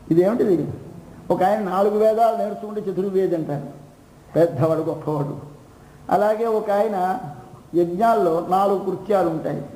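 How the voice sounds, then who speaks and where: High-voiced man giving a devotional discourse. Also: mellow. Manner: explains verses word by word, with rhetorical questions. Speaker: religious discourse speaker. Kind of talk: devotional discourse explaining a hymn. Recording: roomy echo, faint background noise.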